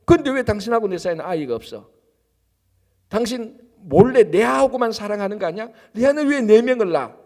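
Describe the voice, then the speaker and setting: A man's voice: high-pitched, animated, a little fast, a little mellow. A man voicing a jealous young wife who accuses her husband, in an echoey church hall. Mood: jealous, accusing. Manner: accusing, rising insistence.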